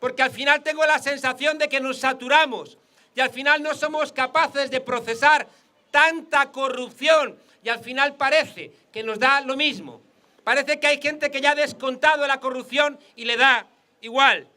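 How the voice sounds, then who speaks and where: A man's voice: very high-pitched, moderate pace, pushed and bright. A man with a Spain Spanish accent giving a political rally speech outdoors, mixing jokes with rhetorical repetition. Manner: rhetorical, joke-telling, repeats for emphasis.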